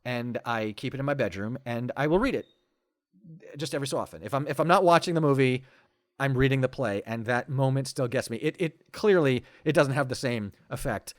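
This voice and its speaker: A man's voice: mid-range voice, brisk, dry recording, studio quality. A man in his forties, a podcast guest, talking with enthusiasm and many stammering restarts in casual conversation.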